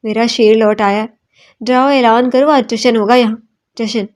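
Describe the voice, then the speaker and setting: A woman's voice: fairly high pitch, fairly even intonation, lightly acted. A woman voicing a boisterous gang boss welcoming back his favourite in a storybook reading. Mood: jubilant. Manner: loud, exuberant, hearty. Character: jubilant gang boss, boisterous older man.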